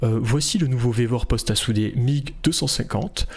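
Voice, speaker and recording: A man playing a boring male corporate product presenter who reads his lines flatly and stumbles with hesitations. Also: mid-range voice, husky. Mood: bored. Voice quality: flat, halting, full of hesitations.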